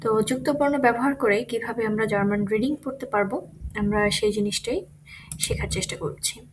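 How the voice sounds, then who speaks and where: A woman teaching German pronunciation in an online lesson, saying each example word again, louder. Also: fairly high pitch, noisy background. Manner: slow, repeats example words loudly.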